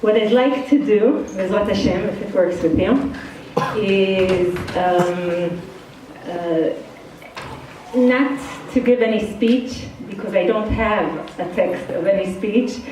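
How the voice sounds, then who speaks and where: A middle-aged woman from Israel talks with an accent that blends Israeli and Brooklyn sounds, frank, casual and a little self-deprecating. She speaks in an ordinary middle pitch. Her voice carries from well away from the microphone in a strongly echoing hall, with a faint hiss underneath. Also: slow, a little mellow. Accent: part Israeli, part Brooklyn. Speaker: guest speaker. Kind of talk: informal talk to students. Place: indoor study hall. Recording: very echoey hall, far from the mic.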